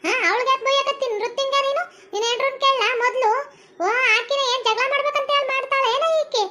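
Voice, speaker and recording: A woman's voice: very high-pitched, steady tone, quick pace, a crowd in the background, pitched above the performer's own voice. A woman voicing a bossy older mother-in-law who scolds in a North Karnataka Kannada accent. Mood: scolding.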